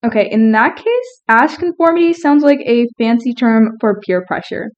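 A young woman co-hosts a casual podcast, teasing her partner and laughing easily. She talks through a retainer, and her fairly high voice sits on a dull, lo-fi recording. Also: animated, normal speed. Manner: playful, teasing, laughs often. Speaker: podcast co-host.

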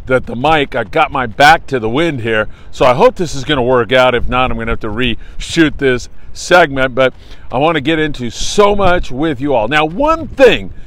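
A man's voice: medium pitch, expressive, normal speed, a bit bright. An American man hosting an outdoor morning briefing in an upbeat, hearty, folksy and emphatic manner, like a travel show host. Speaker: host of a fishing report show. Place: outdoors on a windy beach.

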